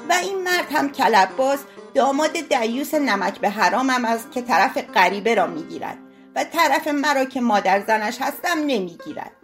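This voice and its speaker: A woman voicing an old working-class woman who wails, curses and pleads in a shrill voice.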